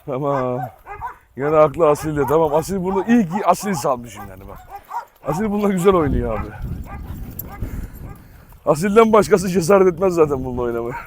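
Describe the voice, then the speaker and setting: With a little hiss or hum in the background, a man on the high side of the pitch range hosts his dog-breeding vlog. He chats loosely with viewers and calls out to his dogs in the outdoor kennel yard.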